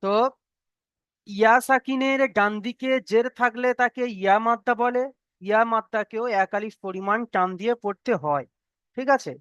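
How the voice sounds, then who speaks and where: An online Quran reading teacher who goes over each letter rule slowly. The teacher repeats every point several times and keeps checking that the students follow. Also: mid-range voice, a bit bright, smooth, dry recording, studio quality. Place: online video class, students on mute.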